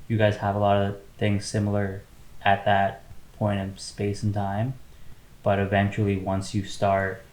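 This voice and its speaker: Young man, low voice, relaxed reflective podcast chat, echoey room. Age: young adult. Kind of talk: casual chat.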